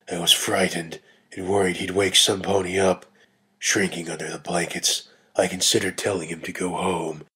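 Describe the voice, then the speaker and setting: Male story narrator, low and very husky yet bright and forceful, measured dramatic read. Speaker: reader of a dramatic reading.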